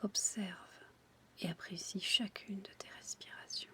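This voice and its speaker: A woman guiding a relaxation in a breathy, intimate ASMR whisper, soothing and addressing the listener directly. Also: mid-range voice, fairly even intonation, measured pace, pushed and bright. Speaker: relaxation guide for childbirth.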